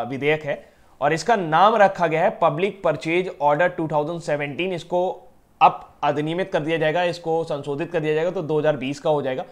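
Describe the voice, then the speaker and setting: A man teaching current affairs for government exams in a casual, chatty way, joking with and addressing his students directly. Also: fairly high pitch. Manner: chatty, teasing, addresses students as yaar and beta. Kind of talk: casual Hindi lecture to students.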